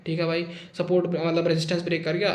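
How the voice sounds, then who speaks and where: A man with a fairly high voice walks viewers through trading charts in a casual, joking tone. He keeps checking in with his listeners as he goes. The sound has a noticeable room echo. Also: monotone, fast. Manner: chatty, constantly checks in with "okay" and calls listeners "brother"; jokey, teasing about losing traders. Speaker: trading instructor. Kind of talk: casual screen-share chart lesson.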